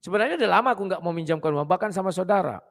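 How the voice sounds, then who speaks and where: Throat-clearing man preaching bluntly, gravelly. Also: high-pitched, animated, rapid-fire. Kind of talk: casual preaching talk to viewers.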